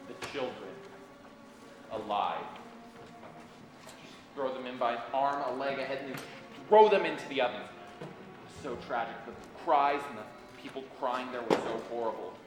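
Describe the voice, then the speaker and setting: A man playing an elderly male camp survivor, speaking haltingly and repeating phrases on a stage. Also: mid-range voice, faint music behind, lightly acted. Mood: grieving. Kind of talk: stage testimony monologue. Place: school stage. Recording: echoey hall, mic far off.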